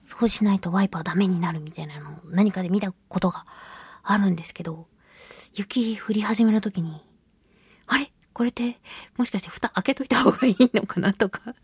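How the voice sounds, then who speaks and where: A woman hosts a casual solo radio talk show, chatting and telling stories in an animated, giggly, colloquial way. Her mid-range voice is fairly quick with a breathy edge, and there is no echo.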